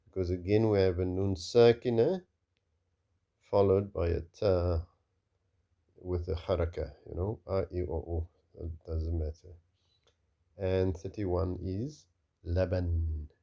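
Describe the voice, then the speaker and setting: A man teaching Arabic reading in a recorded lesson, slowly and patiently repeating each word several times. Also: sits low, steady tone, gravelly, warm tone, lo-fi sound.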